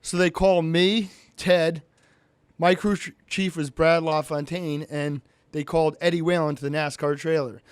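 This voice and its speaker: A man's voice: measured pace, smooth, no echo. A man, a race car driver, telling stories in a casual podcast interview, acting out the people he quotes. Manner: animated storyteller, jumps high when quoting others.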